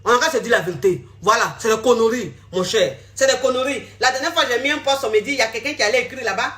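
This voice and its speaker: A woman speaks to her viewers as a relationship coach. Her voice sits high and bright. She is blunt and scolding and repeats her points again and again. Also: quick pace. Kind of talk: direct-to-camera social media talk.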